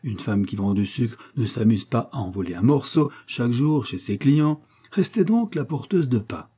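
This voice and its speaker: A man voicing a pompous, doddering elderly gentleman who lectures his friend with boastful, self-satisfied reasoning in a storybook reading. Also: mid-range voice, lively intonation, moderate pace, breathy edge.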